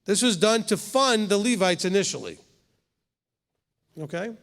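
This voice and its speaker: A man in his fifties with a high, expressive voice speaks unhurriedly, with some vocal fry, and the sound carries like a big room. He's a rabbi leading Torah study for his congregation in a conversational way, often checking in with "okay?", in the congregation hall.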